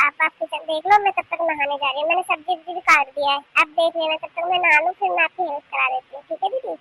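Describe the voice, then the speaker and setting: A woman voicing a polite, hardworking younger daughter-in-law in an animated cartoon, explaining eagerly and at length. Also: very high voice, quick pace, dry recording, full character voice, low-quality recording.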